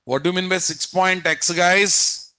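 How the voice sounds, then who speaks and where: A man's voice: sits high, steady tone, measured pace, bright, forceful tone, clean tone. A man with an Indian Telugu accent giving a live technical lecture, prodding students with repeated questions. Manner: prodding, repetitive rhetorical questions. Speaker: programming instructor.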